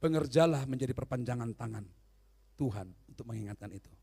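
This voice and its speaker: A male pastor delivering a humorous, animated sermon and often quizzing the congregation. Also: mid-range voice, fairly quick, creaky, slightly rough.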